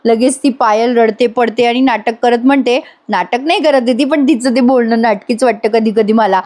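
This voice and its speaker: A woman's voice: a little high, moderate pace, a little mellow. A woman narrating a voice-over recap of a TV serial episode in a chatty, amused way.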